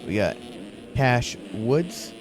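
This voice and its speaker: A man's voice: mid-range voice, big pitch swings, extremely slow, background noise. A man giving live motorsport race commentary in an informal, conversational play-by-play style.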